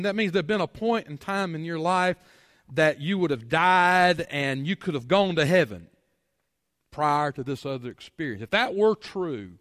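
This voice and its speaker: High-voiced preacher in a church. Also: male voice, a bit bright, dry recording, clean studio sound, big-room sound. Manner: folksy, repeats words, rhetorical questions. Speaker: pastor. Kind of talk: sermon. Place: church sanctuary.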